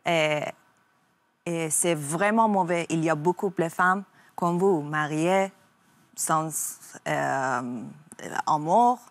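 A young woman from Iran, a talk show guest speaking halting French and searching for her words. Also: low voice.

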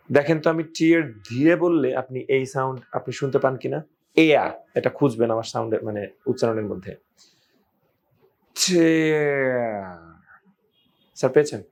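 A man teaching English pronunciation, stretching out each sound slowly and repeating it. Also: medium pitch, creaky, darkish tone. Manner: slow, drawn-out sounds demonstrated and repeated. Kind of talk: phonetics lesson.

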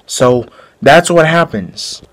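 A man playing a male killer who confesses a brutal fight in a halting, rambling way, in an amateur home-video drama. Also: fairly high pitch, animated, fairly bright tone. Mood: flat confessing. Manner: halting, rambling storytelling with restarts.

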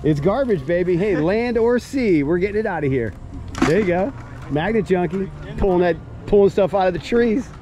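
Hyped magnet-fishing vlogger. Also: male voice, high voice, animated, normal speed, background noise. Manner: hyped, shouts catchphrases like "baby". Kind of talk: excited outdoor vlog narration. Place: outdoor waterfront docks and park.

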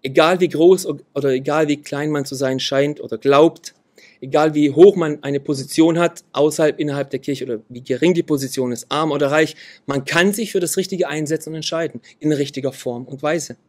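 A man's voice: a little high, steady tone, fairly quick, a little mellow. A man preaching a sermon, reading Bible verses aloud and repeating key phrases with earnest emphasis.

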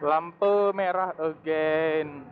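A young man on a motorcycle talks very slowly in a casual motovlog, slangy and laughing frequently as he weaves through city traffic. His voice is on the high side with fairly even intonation, and the wired phone earphone mic in his helmet makes it tinny amid loud traffic and engine noise.

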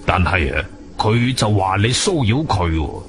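An actor with a Guangzhou Cantonese accent playing a weary, sceptical police colonel in a radio drama, speaking in a hesitant, official manner. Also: male voice, sits low, big pitch swings, a little slow. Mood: cautious. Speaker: supporting actor. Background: music.

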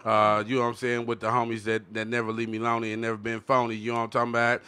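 Close on a boom-arm studio mic in a small indoor studio, a male podcast host races through slangy hype-man banter packed with repeated catchphrases. His mid-range voice is monotone, bright, and forceful.

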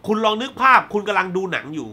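Sitting high and sing-song, this film reviewer's bright, forward voice runs through a movie without holding back on spoilers. He's blunt and heated, cursing freely before saying sorry. While recounting scenes, he briefly performs bits of dialogue.

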